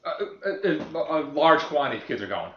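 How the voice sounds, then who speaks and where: A man's voice: a little high, animated, a little fast. Man running a tabletop game, roomy sound. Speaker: game master. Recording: roomy muffled home recording.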